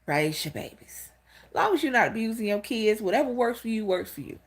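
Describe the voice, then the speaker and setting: A woman's voice: fairly high pitch, big pitch swings, a little fast. A woman in her fifties hosting a casual livestream, speaking candidly and telling stories straight to her viewers. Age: 50s. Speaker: channel host. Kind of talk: casual livestream talk greeting chat viewers.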